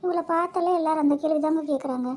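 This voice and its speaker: The worried wife of a poor family, played by a female performer, speaking in an anxious, complaining way. The voice is very high, and the piece sounds like a home-made family skit. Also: quick pace, warm tone, lightly acted. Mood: distressed. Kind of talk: amateur family skit acting.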